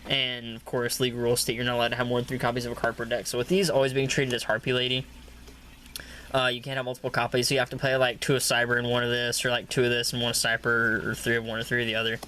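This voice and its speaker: Man, bright forceful voice, casual deck review, lots of uhs, faint hiss behind. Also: medium pitch, monotone, fast talker. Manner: rambling, many filler uhs, repeats "really, really". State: coughing now and then. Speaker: card game deck reviewer. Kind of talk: casual deck profile talk.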